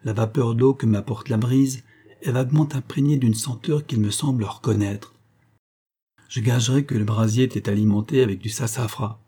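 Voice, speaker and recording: A man voicing a calm, keen young woodsman in an adventure audiobook, explaining steadily. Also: mid-range voice, normal speed, husky, natural voice. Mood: confident.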